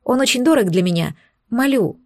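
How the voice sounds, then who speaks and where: A woman voicing a gentle young woman who begs for help in a storybook reading, in a soft, imploring way. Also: fairly high pitch, lively intonation, fairly quick, no echo, clean studio sound. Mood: pleading.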